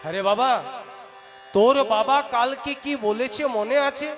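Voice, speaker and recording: A man's voice: extremely high pitch, measured pace. A man voicing a grieving devoted mother who pleads tearfully, over devotional music. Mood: tearful, pleading.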